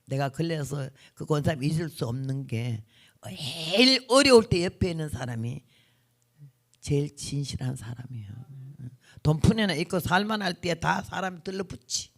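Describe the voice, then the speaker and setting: A woman in her seventies preaches a revival sermon, telling her own story in a blunt, folksy, vivid way. Her voice is gravelly and carries a good deal of fry. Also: low-pitched, lively intonation, normal speed.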